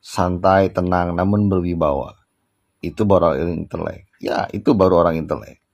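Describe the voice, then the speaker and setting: A man's voice: deep voice, moderate pace, vocal fry, a little mellow. A man giving satirical commentary in a mocking, teasing way. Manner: mocking baby talk, singsong teasing.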